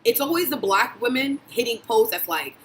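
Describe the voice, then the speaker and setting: A woman's voice: a little high, animated, normal speed, a little hiss or hum, poor audio. A young woman from Brooklyn, giving a passionate, blunt vlog monologue with swearing and frequent laughs. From Brooklyn, New York. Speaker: vlogger and dating blogger. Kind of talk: casual opinion monologue.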